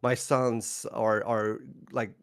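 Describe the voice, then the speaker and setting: A middle-aged man with a Swedish accent, a podcast co-host talking casually, haltingly, with many restarts and soft laughs. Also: on the low side, level tone, smooth. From northern Sweden. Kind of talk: casual chat.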